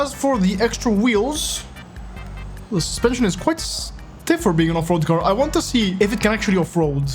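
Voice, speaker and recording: Young man, streamer, casual gameplay commentary, joking, frequent swearing, laughs a lot, faint music behind. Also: high-pitched.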